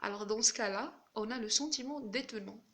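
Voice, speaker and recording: A woman teacher explaining French grammar in a slow, careful way, giving examples as she goes. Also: fairly high pitch. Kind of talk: grammar lesson.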